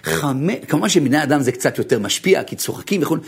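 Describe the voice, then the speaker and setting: A man, a rabbi, giving an animated lecture full of stories, swinging from low murmurs to high bursts and laughing as he tells them. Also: gravelly, husky. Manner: laughs while telling stories.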